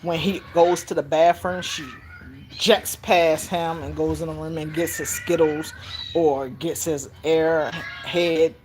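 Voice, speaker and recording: An older woman, telling stories about raising her granddaughter in a casual, animated way, jumping into high squeals when she acts out voices. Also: slow pace, noisy background. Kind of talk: casual storytelling vlog.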